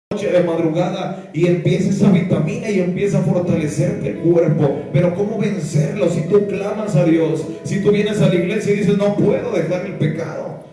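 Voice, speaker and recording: A man's voice: high-pitched, warm tone. A man with a Mexican Spanish accent preaching an impassioned sermon, now and then singing lines of a hymn and acting out the voices he quotes. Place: church hall. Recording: echoey church hall, mic at a distance, faint music.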